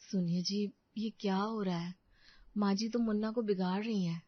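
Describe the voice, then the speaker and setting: A woman's voice: mid-range voice, fairly even intonation, normal speed, no room sound. A woman voicing a worried mother in a cartoon who pleads for her daughters. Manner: pleading, earnest. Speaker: mother character and narrator. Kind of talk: cartoon voice acting. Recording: dull dry recording.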